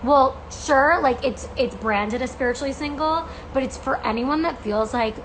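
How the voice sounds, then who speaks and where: An American woman in her twenties with creaky vocal fry, chatting casually to fans on a livestream in a gushing, emphatic, slangy way. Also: high-pitched, normal speed, background noise. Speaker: podcast host and coach.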